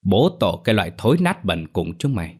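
A man voicing a cruel, domineering old village elder who barks orders in a hoarse voice, in a horror story. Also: low voice, big pitch swings, a little fast, heavily acted. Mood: furious. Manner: barking orders, vulgar abuse.

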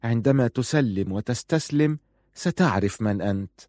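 A man's voice: medium pitch, animated, normal speed, darkish tone, no echo, clean studio sound, close to an everyday voice. Rashida, a man voicing a clever bold young wife. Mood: soft.

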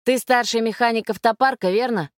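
A woman's voice: fairly high pitch, fairly quick, clean tone, no room sound, close to an everyday voice. A woman voicing a tough male police detective who gives curt, mocking orders, recorded dry and close. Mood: stern.

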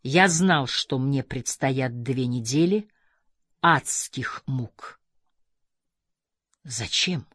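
An audiobook narrator giving a measured first-person reading, close to the mic. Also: medium pitch, fairly bright tone, dry recording. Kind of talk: scripted narration.

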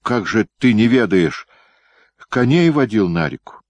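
A man reading an audiobook, voicing an angry, jealous nobleman who shouts harsh orders. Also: lowish voice, sing-song, unhurried, no echo.

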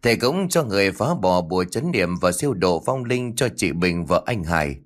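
A man narrating a ghost story in a steady, measured scripted style. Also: low voice. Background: faint music.

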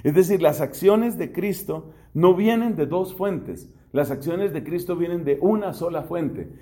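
A man's voice: on the high side, animated, a little slow, dark tone. A middle-aged man from Colombia, a priest giving a theology lecture, who explains step by step and poses rhetorical questions that he answers himself.

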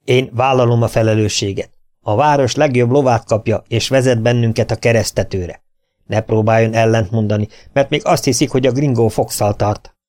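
A man's voice: medium pitch, fairly even intonation, darkish tone, lightly acted. A man voicing a stern small-town sheriff who gives firm, emphatic orders. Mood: commanding.

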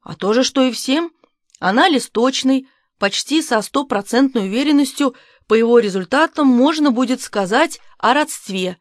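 A woman's voice: high voice, expressive, normal speed, no room sound, studio quality. A woman voicing a smug, sarcastic male lab doctor in an audiobook, with a mocking, self-assured manner.

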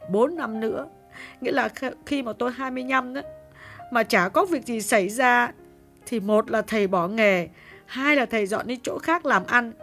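A woman plays an emotional young servant girl in an audiobook, speaking in a plain, direct way. The voice sits high, with soft music faintly in the background. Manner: plain-spoken, storytelling with sobs. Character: young female servant, emotional and eager to please.

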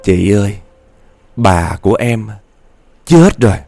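A man's voice: on the low side, very animated, takes it slowly, dark tone, faint music behind, exaggerated voice. Man voicing an eerie ghost girl.

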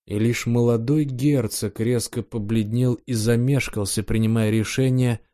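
A man reading a science fiction audiobook aloud in a steady, expressive narration. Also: medium pitch, measured pace.

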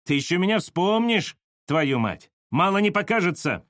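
A hoarse, hot-headed thug mutters and growls threats, played by a male reader. His lines swing between sulky and loud. Close, dry audiobook sound. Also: a little high, animated, drawn-out words, no room sound, voice pushed up, heavily acted. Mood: threatening.

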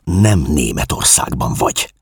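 A man's voice: extremely low pitch, sing-song, slightly rough, no echo, studio quality, exaggerated voice. A man voicing a fierce, defiant young woman speaking with cold scorn. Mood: defiant scornful.

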